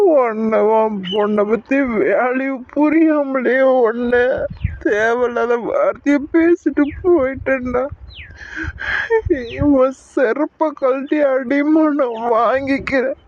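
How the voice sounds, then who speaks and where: A man's voice: very high-pitched, highs cut off. A man voicing a remorseful young police husband who searches frantically for his wife and begs her forgiveness in a cartoon drama. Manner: pleading, apologetic. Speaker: husband character.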